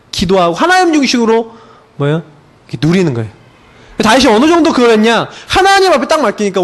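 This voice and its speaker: A middle-aged male pastor preaching a sermon in a lively, conversational way, often asking rhetorical questions of the congregation. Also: sits high.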